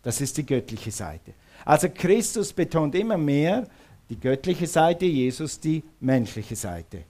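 A middle-aged male preacher with a slightly raised pitch. He speaks emphatically in sermon style. He presses his listeners with repeated questions. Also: sing-song, a little slow, mellow.

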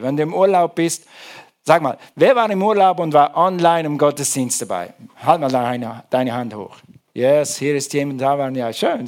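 A man preaching from the pulpit, his fairly high voice swinging with emphasis. He prays, then drives his message home with question after question to the congregation. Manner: lively, emphatic, rhetorical questions. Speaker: pastor. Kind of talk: sermon.

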